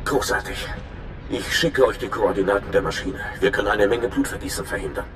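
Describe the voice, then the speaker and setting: Voicing a young undercover informant in a video game, a man sounds nervous and friendly, earnest and eager, chatty and informal yet slightly anxious. His lowish voice is expressive, fairly quick, and fairly bright in tone. The sound is roomy, with slight background noise and clear music playing behind him.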